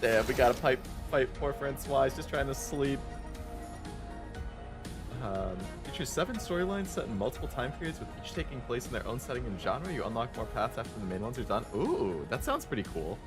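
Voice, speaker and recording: A man's voice: mid-range voice, sing-song, brisk. A man giving casual, amused gameplay commentary and chat as a streamer. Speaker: video game streamer. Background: game music.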